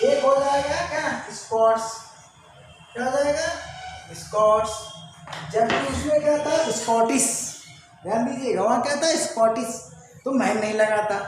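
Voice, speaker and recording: A man's voice: very high voice, moderate pace. A man teaching a grammar lesson, asking short questions and answering them himself, repeating each answer. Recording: echoey room, distant mic, background noise.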